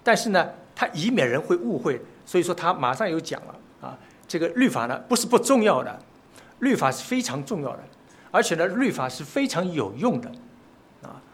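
A man's voice: fairly high pitch, sing-song, fairly quick, a bit bright, breathy edge. A man preaching a sermon, speaking with frequent filler sounds and rising emphatic peaks. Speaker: pastor.

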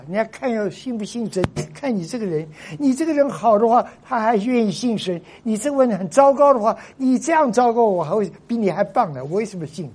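A man's voice: sits high, warm tone, husky. A male pastor preaching a sermon to his congregation. He stresses points by repeating himself and often drops English phrases into his Chinese.

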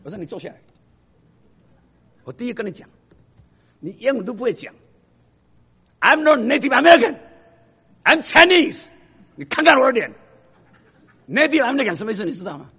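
A man who is a professor, telling stories to an audience in an emphatic, animated way that drops to a hush for the sad parts. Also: very high voice, fairly quick, long pauses, breathy edge. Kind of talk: storytelling talk to an audience.

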